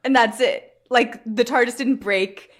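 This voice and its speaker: A woman's voice: fairly high pitch, unhurried. A woman co-hosting a podcast in casual chat, rambling and laughing often. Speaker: podcast co-host.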